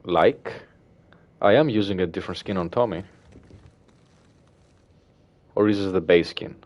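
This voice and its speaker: Reading viewer messages during a casual livestream, this Greek-accented man from Greece talks while he plays. His low voice moves at a brisk clip. He stays relaxed but hesitant, dropping in fillers and little laughs.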